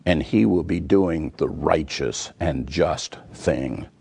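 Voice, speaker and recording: A man's voice: very deep voice, takes it slowly, gravelly, a little mellow, a little hiss or hum. A man teaching a weekly Bible reading, earnest and emphatic, building his points with vivid word pictures.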